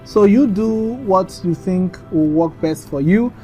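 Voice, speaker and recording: A man's voice: high-pitched, slow, dark tone, soft background music. A man talking through a screen-recorded design tutorial in a chatty, instructive way, often trailing off into mumbles.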